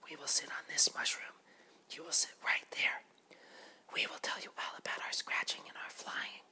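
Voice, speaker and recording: A man whispering as soft storybook butterflies. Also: a little high, huge pitch swings, pitched above the performer's own voice, exaggerated voice. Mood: hushed. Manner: breathy unvoiced whisper, soft and slow. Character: hushed gentle butterflies, creatures of habit.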